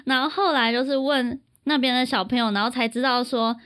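High-voiced woman chatting with animated energy. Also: a little fast. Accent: Taiwanese Mandarin. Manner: animated storytelling, laughs often. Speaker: podcast co-host. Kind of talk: casual chat.

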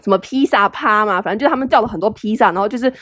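A woman's voice: mid-range voice, racing, fairly bright tone, no echo, studio quality. A young woman with a Taiwanese Mandarin accent, hosting a solo podcast in a chatty, self-deprecating way full of fillers. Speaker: podcast host. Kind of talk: casual solo podcast advice.

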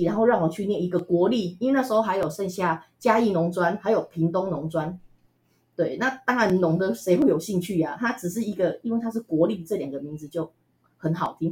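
A woman from Taiwan with a Taiwanese Mandarin accent, telling stories as an interview guest in a chatty, animated way with frequent laughs. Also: fairly low pitch. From Tainan, Taiwan. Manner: chatty, animated, laughs often, many fillers. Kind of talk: casual storytelling interview.

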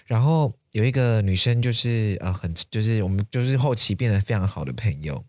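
Lively-voiced man co-hosting. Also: fairly low pitch, fairly quick, no echo. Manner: attentive listener who chimes in with reactions. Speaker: podcast co-host. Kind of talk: casual chat.

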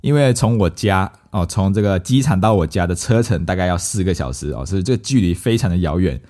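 A man's voice: deep voice, fairly quick. A man, telling a story casually as a podcast host and acting out his family's lines. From Malaysia. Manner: lively anecdote-telling, acts out quoted family members.

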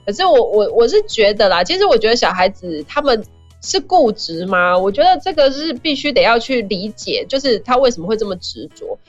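Brisk, lively middle-aged woman storyteller. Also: fairly high pitch, no room sound, faint music behind. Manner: animated storyteller, acts out family members' voices. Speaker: podcast guest sharing parenting advice. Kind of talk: casual podcast chat. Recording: dull, dry podcast audio.

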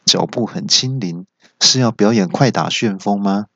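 A man voicing a calm smiling monk master. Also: fairly low pitch, no room sound, lo-fi sound. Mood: serene. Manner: slow, gentle, unhurried.

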